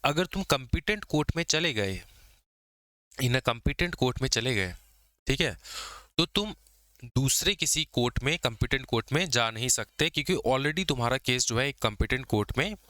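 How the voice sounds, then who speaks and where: Young guy teaching law prep, keeps asking if u get it, crisp bright voice. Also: mid-range voice, lively intonation, no room sound. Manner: explains casually, checks understanding with repeated questions; slows to dictate English definitions. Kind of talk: exam lecture.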